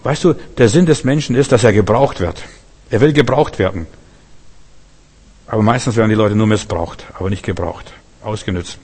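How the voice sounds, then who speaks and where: A man's voice: fairly low pitch, normal speed, darkish tone, breathy edge, long reverb tail. A man preaching a sermon, speaking straight to his listeners and driving points home by repeating them. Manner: addresses listeners directly, emphatic repetition.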